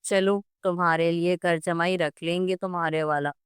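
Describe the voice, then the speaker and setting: A playful, coaxing young elder brother, teasing his sister in a storybook reading, as a woman narrator voices him. The voice is crisp and on the low side. The recording is dry. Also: steady tone, moderate pace, dry recording, natural voice.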